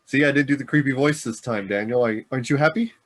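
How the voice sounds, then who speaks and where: A middle-aged man co-hosts a board game podcast, speaking quickly at medium pitch. His chat is casual and rambling, full of chuckles and frequent self-corrections.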